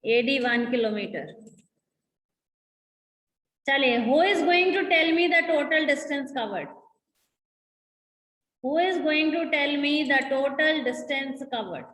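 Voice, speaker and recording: A woman's voice: high-pitched, lively intonation, a little slow, long pauses, fairly bright tone. A woman with a North Indian accent teaching a school lesson, mixing English and Hindi, repeating key points and checking that students follow. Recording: echoey, reverberant room sound.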